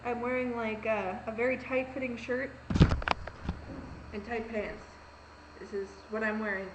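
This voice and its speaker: Heavy background noise surrounds a young woman's fairly high, steady voice as she vlogs at a measured pace from a room at home. Recording on her laptop's webcam mic, she rambles through a casual confession with lots of fillers and acted-out quotes.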